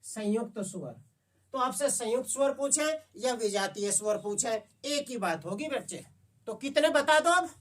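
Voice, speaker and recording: A man's voice: extremely high pitch, lively intonation, moderate pace, a bit bright, far from the mic. A male Hindi teacher giving an exam-prep class, asking the students questions and answering them himself. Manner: coaxing, repeats "समझ गए बच्चे?".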